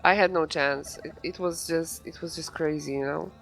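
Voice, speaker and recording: Stuffy-nosed man with a creaky voice. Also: on the high side, fairly even intonation, fairly bright tone, soft background music. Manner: halting, repeats himself. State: stuffy nose, morning voice. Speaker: game server player. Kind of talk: casual voice chat.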